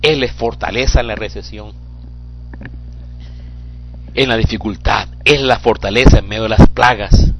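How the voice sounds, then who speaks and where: A man preaching an impassioned sermon, shouting in bursts and then dropping low and quiet. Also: steady tone, moderate pace, pauses often, slight background noise. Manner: emotional, admits getting carried away.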